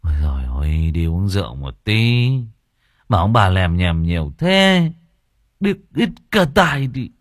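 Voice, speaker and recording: A man's voice: low-pitched, big pitch swings, measured pace, no room sound, clean studio sound. A man doing a slurring drunk young layabout. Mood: grumpy. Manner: slurred, whiny drawl.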